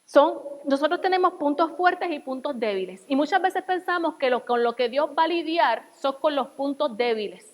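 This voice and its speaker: A woman preaching as a guest speaker, giving an earnest personal testimony that drops to soft, quiet passages. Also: high voice, expressive, normal speed, hardly any pauses, in a large hall, low-quality recording. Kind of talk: sermon.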